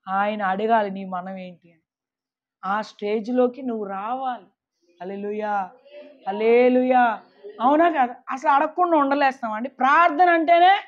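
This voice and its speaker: A woman preaching a sermon to a women's meeting, emphatic, often calling out hallelujah and asking the listeners questions. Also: on the high side. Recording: dull lo-fi recording.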